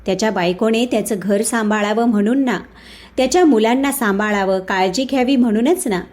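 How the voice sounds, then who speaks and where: A harsh, scolding young husband shouts his accusations, read out by a woman storyteller. The voice sits a little high and stays close to her own everyday reading voice. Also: close to an everyday voice.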